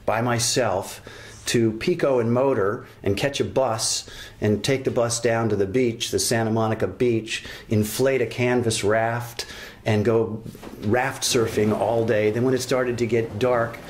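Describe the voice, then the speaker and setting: A man in his sixties from Los Angeles, reminiscing in a relaxed, nostalgic way in a documentary interview. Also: mid-range voice, a little slow. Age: 60s.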